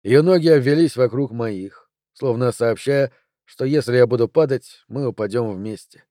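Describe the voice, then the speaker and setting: A man reading an audiobook in calm first-person narration. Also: medium pitch, moderate pace, no room sound, studio quality. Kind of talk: scripted narration.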